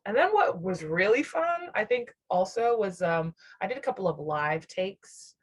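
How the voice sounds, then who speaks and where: On an interview show, a young musician from the Nashville area of the American South talks with a medium-pitched, slightly rough voice, lively intonation, and a moderate pace. The chat is casual and meandering, and she reflects aloud, laughs often, and leans heavily on fillers.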